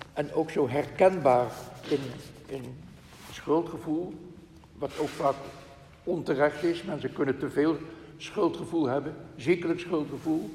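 Man, spiritual talk, earnest and reflective, slightly high voice, long hall echo. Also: darkish tone, a little hiss or hum. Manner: earnest, reflective, with frequent "hè" asides. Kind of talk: spiritual talk with read quotations.

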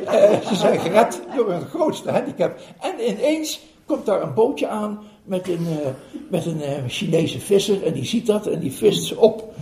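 An older Dutch meditation teacher tells a story to an audience in a slightly high, mellow voice, chuckling and using filler words as he hesitates. The recording has the roomy sound of a hall.

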